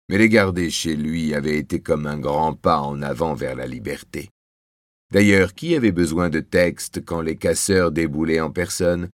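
A man with a very low voice narrates an audiobook. He reads in a measured storytelling manner with dry, wry asides. The sound is close and dry, with no room around it. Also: dry recording.

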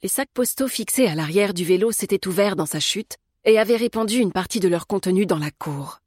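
A woman reading an audiobook as narrator, in a calm, measured way. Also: medium pitch, husky, dry recording, studio quality. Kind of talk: scripted narration.

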